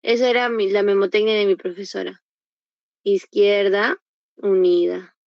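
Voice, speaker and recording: A woman's voice: mid-range voice, fairly even intonation, fast, creaky, dry recording, lo-fi sound. A woman teacher giving an online class, patiently sounding out example words and quizzing her students. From Peru. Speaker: university entrance prep teacher. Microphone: computer mic on a video call.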